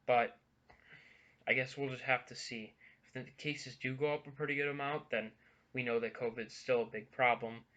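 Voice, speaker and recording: A young man talks through the news in a casual vlog, earnest and halting, with frequent ums and restarts. His voice is bright and forward at a middling pitch. The recording is dull and lo-fi. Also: steady tone. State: a bit out of breath. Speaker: vlogger.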